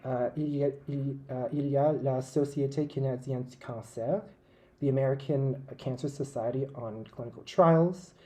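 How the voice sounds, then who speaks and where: A presenter giving a formal slide talk in a halting, measured way. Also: medium pitch, fairly even intonation, mellow, low-quality recording.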